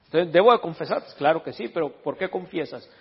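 A man preaching to his church with a husky, slightly high voice. He tells lively stories and jokes with the congregation between points. The sound is dull and lo-fi, with a long reverb from the hall. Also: a little fast. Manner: animated storytelling, joking with the congregation; reads scripture in English and Spanish. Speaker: pastor. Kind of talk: sermon.

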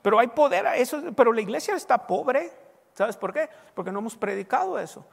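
A man's voice: very high voice, expressive, brisk, vocal fry. A man preaching a sermon as pastor, teaching and quizzing his congregation with call-and-response questions. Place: church hall. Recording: long hall reverb.

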